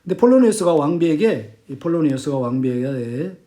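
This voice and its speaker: A man teaching literature, retelling a play's plot in animated storytelling and acting out the quotes. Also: on the high side, a little fast.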